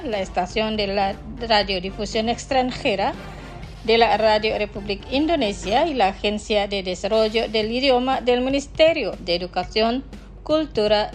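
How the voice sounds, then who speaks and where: A woman hosting a scripted radio language lesson, pronouncing words slowly and carefully for listeners to repeat. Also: medium pitch. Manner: slow, careful pronunciation.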